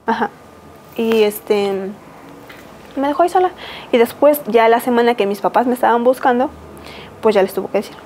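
A Mexican woman in her thirties, a podcast guest giving a personal testimony, talking haltingly with many fillers and restarts. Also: a little high, a little mellow, a little hiss or hum, rough recording. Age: 30s.

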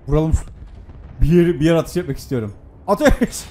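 A young man casually commenting on his own gameplay, excitable and talking to himself with frequent exclamations. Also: on the high side, fast talker.

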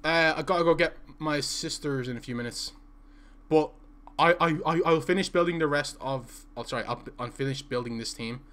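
A young adult with an Irish accent plays on a live stream in a small indoor room, reading chat out loud, chatting casually and occasionally stuttering. His voice sits on the high side, at a moderate pace with a fairly bright tone.

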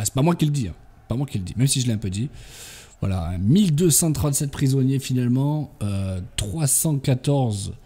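A man casually commentating his strategy game, ordering units around and breaking into excited outbursts. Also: medium pitch, breathy edge. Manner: bosses units around, bursts into excited exclamations. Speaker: gaming YouTuber. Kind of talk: casual let's-play commentary.

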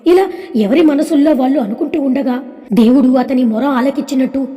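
A woman storyteller narrating a scripted family drama in a steady, even way. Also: high voice, fairly quick, long reverb tail.

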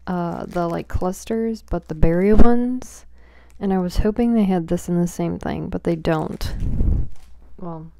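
Girl soft spoken asmr chat, slow and gravelly, rambly and whispery. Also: lowish voice. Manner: rambling, whispery, chatty, giggly. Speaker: ASMR creator. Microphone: small close microphone.

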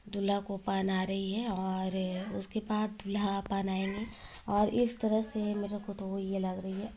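A woman vlogger, hoarse from a cold, explaining a wedding's rituals to viewers in a casual vlog. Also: mid-range voice, slight background noise. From Jharkhand, India.

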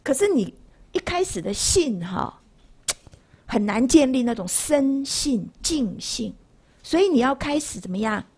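An older woman, teaching a Buddhist class in a classroom. Her voice sits fairly high, with a gravelly fry and a husky edge. She talks in a lively way and keeps turning to her students with rhetorical questions. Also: unhurried. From Taiwan. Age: 60s. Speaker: lay Buddhist lecturer. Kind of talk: classroom dharma lecture.

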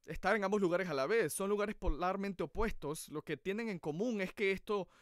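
A man's voice: high-pitched, a little fast, no room sound, studio quality. A man preaching a sermon in an earnest, emphatic way.

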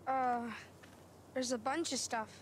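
A woman's voice: high voice, slow pace, slight background noise. A woman voicing a hesitant, earnest, downcast young boy in a naturalistic video game scene. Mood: shy, agreeable.

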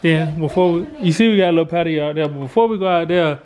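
This family vlogger, an American man around thirty, talks fast in a fairly high voice with a darkish tone while giving a casual, chatty tour of the house. He holds the vlog camera at arm's length, and the recording picks up clear background noise.

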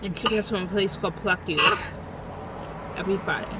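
A man tells a casual story at a meal, talking while chewing. He sounds set back from the mic, with loud noise behind him. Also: sits high, a little fast, recorded from a distance. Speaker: vlog host, father. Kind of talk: casual mealtime chat.

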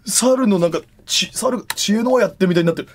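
During a live stream, a man chats casually in rough slang, letting out loud exclamations as he handles and examines an object. His voice is high-pitched and his pace quick.

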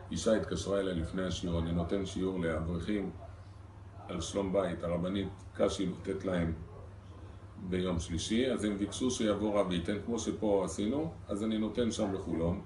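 A male rabbi teaching a congregation, keeping it lively with rhetorical questions to his listeners. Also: on the low side, slight background noise. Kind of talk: Torah lesson to a congregation. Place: synagogue hall. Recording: echoey hall recorded from a distance.

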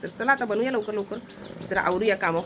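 Young konkani woman vlogging her village house, talks really fast, faint outdoor hiss behind. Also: mid-range voice. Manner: chatty, addresses viewers directly, coos at a pet. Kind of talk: casual home vlog narration.

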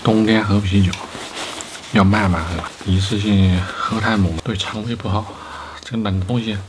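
A young man with a low voice talks casually to camera like a food vlogger. He sounds conversational and informal. The recording was made in a small room, with clear background noise. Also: fairly even intonation, normal speed. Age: young adult. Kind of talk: casual chat to camera while eating. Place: small curtained room indoors.

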